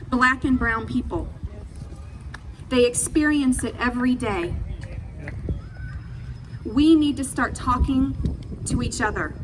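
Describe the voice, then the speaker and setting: A middle-aged woman addresses a rally in a high voice. Her delivery is earnest and emphatic, with deliberate, repeated phrases in a semi-improvised speech. The microphone sounds distant, with clear noise around her. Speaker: speaker at a protest rally. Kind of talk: impassioned public speech, partly off the cuff. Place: public rally, speaking to a gathered crowd. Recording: distant mic, noisy outdoor rally sound.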